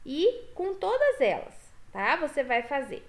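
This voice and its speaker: A high-voiced Brazilian woman teacher, talking slowly and patiently to small children as she walks them through a workbook. Her pitch swoops up and down in a sing-song way, and she keeps checking in with short questions. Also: wildly swooping pitch. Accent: Brazilian Portuguese. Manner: slow, sing-song teacher talk with frequent "tá?" and "ó". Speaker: primary school teacher. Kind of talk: explaining a workbook to young children.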